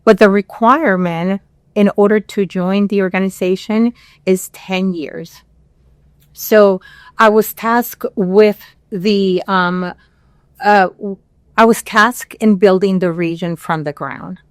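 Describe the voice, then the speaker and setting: Peru-born woman podcast guest, mid pitch, unhurried, dry close mic. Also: steady tone, smooth, dry recording. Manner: measured, with frequent pauses and fillers. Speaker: podcast guest, regional director. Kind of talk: interview conversation.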